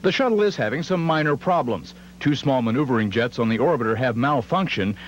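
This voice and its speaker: A man's voice: mid-range voice, animated, fairly quick, slight background noise. A man reading scripted television news narration as a correspondent. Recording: dull lo-fi archival TV audio.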